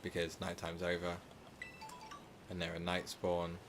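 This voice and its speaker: Against a noisy background, a man with a low voice and a slightly sore, hoarse throat speaks at a measured pace in a completely flat delivery. He's casually commenting on his live gameplay stream, rambling and correcting himself with many filler words.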